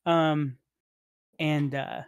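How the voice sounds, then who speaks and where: A game master narrating a tabletop game slowly, stopping and restarting often as the scene is described. The recording is dry and close. The pitch sits in the middle. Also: fairly even intonation, clean tone, no room sound. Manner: halting, rambling, with many restarts.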